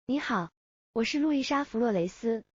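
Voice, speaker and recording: A woman giving quick translations in a language lesson. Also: fairly high pitch, animated, breathy edge, dry recording, lo-fi sound.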